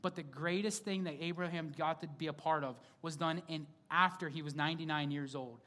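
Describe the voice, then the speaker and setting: A man's voice: a little high, a little fast, sharp tone. A young man, a pastor, preaches a sermon in a loose, conversational way, joking and asking his listeners questions. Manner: conversational storytelling with humor, asks the audience questions. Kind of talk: sermon to a congregation.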